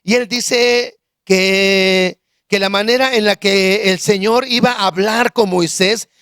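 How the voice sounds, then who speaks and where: A man's voice: sits high, steady tone, takes it slowly, a bit bright, clear, resonant tone, no echo, studio quality. A man pastor giving a sermon in a conversational style, with frequent restarts and tag questions. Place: church.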